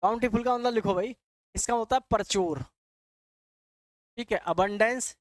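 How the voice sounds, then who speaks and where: A man's voice: sits high, normal speed, dry recording. A male English vocabulary teacher, giving a classroom lecture. He repeats each word and quizzes his students in a call-and-answer way, calling them "beta.". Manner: addresses students as "beta" and "bachche".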